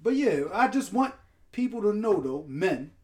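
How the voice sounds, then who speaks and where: A man co-hosting a podcast in casual, slangy chat, laughing easily as he talks. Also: high voice. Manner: animated, slangy, quick to laugh. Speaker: podcast co-host.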